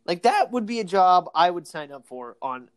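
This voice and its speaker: A man co-hosting a casual sports podcast, excitable and laughing often, tired from an early morning. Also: high voice, moderate pace, dry recording. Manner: excitable, laughs often, acts out quoted exchanges. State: tired, yawning. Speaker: podcast co-host.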